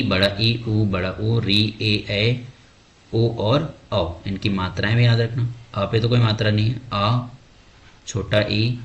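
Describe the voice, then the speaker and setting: A man teaches an exam-prep grammar lesson in a rather low voice. He keeps asking rhetorical questions and answering them himself, with a friendly "bhai" thrown in. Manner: addresses students as "bhai".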